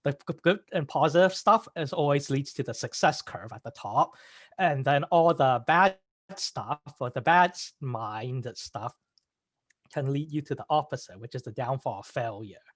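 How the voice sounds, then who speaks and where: A man giving a prepared speech over a video call, halting and correcting himself, clearing his throat. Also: medium pitch, lively intonation, a bit bright, no room sound. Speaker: club member giving a speech.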